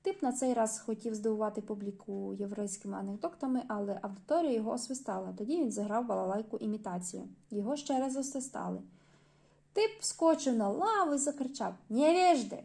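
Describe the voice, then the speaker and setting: A woman reading literary prose aloud at an unhurried pace, lifting her voice for the dialogue. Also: a little high, animated, vocal fry, warm tone, slightly rough. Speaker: audiobook reader.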